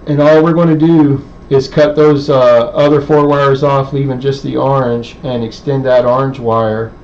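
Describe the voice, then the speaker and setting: At an indoor electronics workbench, a man gives an unscripted, hands-on how-to in a middling, slightly mellow voice with fairly even intonation. He speaks haltingly and hesitantly, thinking aloud as if building each sentence on the spot. The audio is dull and lo-fi, with noticeable background noise.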